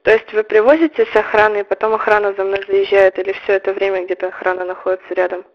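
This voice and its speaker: A woman's voice: medium pitch, steady tone, fast. A woman of nineteen calling over a landline phone, asking questions in a tentative, casual way. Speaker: caller enquiring about a job. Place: on a telephone line. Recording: muffled landline phone call.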